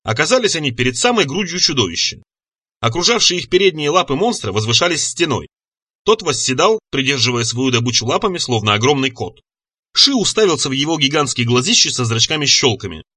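Lively, husky male storyteller. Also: medium pitch, fairly quick, dry recording. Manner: expressive storytelling. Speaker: audiobook narrator. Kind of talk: scripted narration.

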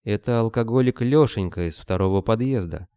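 A man's voice: lowish voice, brisk, mellow, clean tone, voice pushed up, close to an everyday voice. A man voicing a grim, bearded male hunter leader in an audiobook who barks curt orders. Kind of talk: audiobook character voice.

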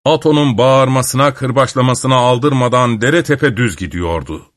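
A man narrating a folk tale as a storybook reading, in a lively, expressive manner. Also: medium pitch, moderate pace, dry recording, clean studio sound.

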